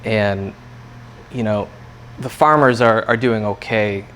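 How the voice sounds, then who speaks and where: A man's voice: lowish voice, slow pace, fairly bright tone. A man working as a coffee roaster, explaining things in a casual interview chat with loose, hesitant phrasing. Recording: clear background room noise.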